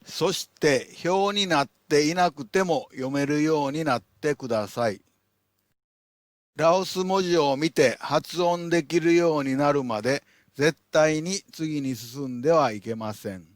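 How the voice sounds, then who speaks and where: A man teaching a language lesson, laying out his points one by one in a deliberate, instructional way. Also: a little high, dry recording. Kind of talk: instructional narration.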